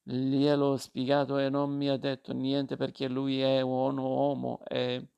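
A man voicing an angry, insistent young war veteran with a creaky voice. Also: medium pitch, monotone, slow, warm tone, dull audio. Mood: indignant.

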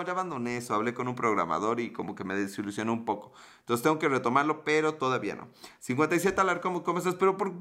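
With a slightly high, a bit bright voice, this Mexican-accented livestream host in his thirties chats playfully. He tells a story while joking around with the comments his viewers post.

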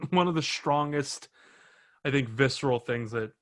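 Laid-back man swearing through a movie chat. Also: mid-range voice. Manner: profane, laughs often, halting restarts. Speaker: podcast co-host. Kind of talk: casual movie review chat.

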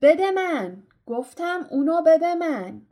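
A hot-tempered young schoolboy wizard, as a woman narrator puts him on, forceful and defiant. His voice rides high with a mellow tone. A storybook hero shouting down a rival.

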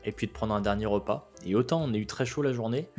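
A man with a lowish voice tells a road-trip story in a loose, conversational way, often pausing on fillers. Soft music plays faintly behind him. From France. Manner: relaxed, chatty, many hesitations. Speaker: travel guest. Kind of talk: casual travel storytelling.

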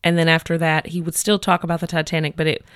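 A woman hosting a podcast, retelling a case in a chatty, animated way with many fillers. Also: deep voice, quick pace, clean tone, no echo, clean studio sound. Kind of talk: casual storytelling chat.

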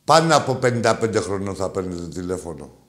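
A man hosting a call-in show, joking crudely with callers, swinging between loud mocking outbursts and low mutters. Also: very animated. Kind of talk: crude casual call-in banter.

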